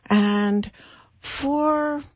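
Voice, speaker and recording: A woman's voice: high voice, drawn-out words, no room sound. A woman hosting a radio talk show, gushing and welcoming toward her guest. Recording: dull lo-fi radio audio.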